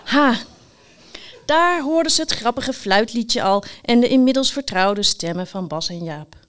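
A woman reads a children's story aloud in a playful, lively way. She uses dramatic pauses and keeps the telling expressive throughout. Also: on the high side, smooth.

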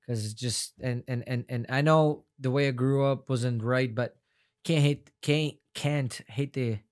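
Here a young fighter from Afghanistan, a Farsi native speaking English, chats casually as an interview guest at a measured pace. His voice sits in the mid range with fairly even intonation, and he wanders and repeats himself with real feeling.

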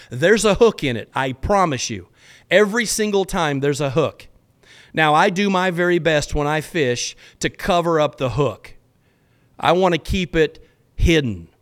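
Earnest man preaching on a podcast. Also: fairly high pitch. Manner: earnest, exhorting, casual address with stammered repeats. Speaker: podcast host teaching on faith. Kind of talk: sermon-like podcast teaching.

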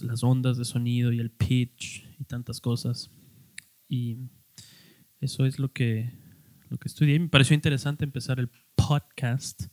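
A man hosts a solo podcast in a relaxed, unhurried way, pausing and restarting his words as he explains. His voice sits at a middle pitch. It is recorded close and dry, with no room sound. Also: no echo. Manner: slow, halting, restarts words while explaining. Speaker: podcast host. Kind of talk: casual solo podcast talk.

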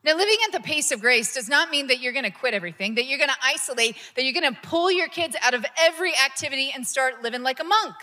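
A woman's voice: high voice, animated, fast, few pauses, pushed and bright. A woman pastor preaching a sermon in a conversational style, building to emphatic points. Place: church sanctuary. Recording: long hall reverb.

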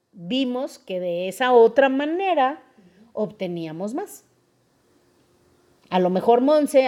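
A young woman with a Mexican accent, hosting a podcast in a casual, explaining way and often checking in with her listeners. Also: medium pitch. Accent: Mexican Spanish. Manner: lively, asks listeners questions often. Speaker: podcast host.

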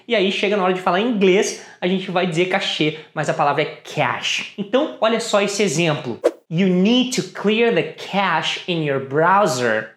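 Slow, lively-voiced woman teaching pronunciation. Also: fairly low pitch, echoey room. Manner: slow, deliberate model sentences repeated twice. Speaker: English teacher. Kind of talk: pronunciation lesson.

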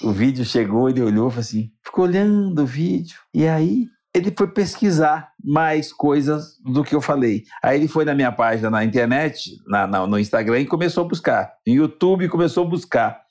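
A man's voice: a little high, lively intonation, moderate pace, few pauses, a little mellow. A Brazilian man, a motivational speaker and interview guest, telling a personal story earnestly and acting out the dialogue.

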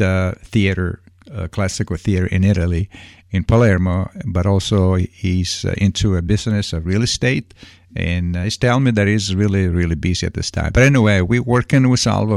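A man hosting a radio program, reading announcements and chatting unscripted in a halting, hesitant way, often searching for words. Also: lowish voice, vocal fry, no room sound, studio quality.

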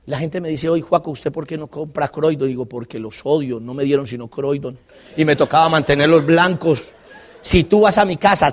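High-voiced Colombian man telling stories. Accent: Colombian Spanish. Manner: animated, asks the audience questions and jokes. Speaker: motivational speaker. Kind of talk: live storytelling talk to an audience.

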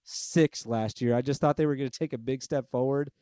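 A man's voice: mid-range voice, steady tone, warm tone, dry recording, clean studio sound. A man hosting a sports podcast in casual, chatty talk, self-deprecating and easygoing. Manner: chatty, self-deprecating, quick to change his mind. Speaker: podcast host.

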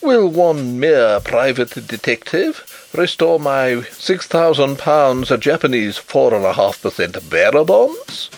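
A man voicing a pompous, irate elderly professor who booms his indignant demands. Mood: demanding. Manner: booming, indignant.

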